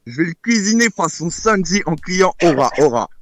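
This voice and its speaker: A man's voice: sits high, very animated, normal speed, fairly bright tone, no echo. A young man rapping a taunting, punchline-heavy clash verse as a battle contestant.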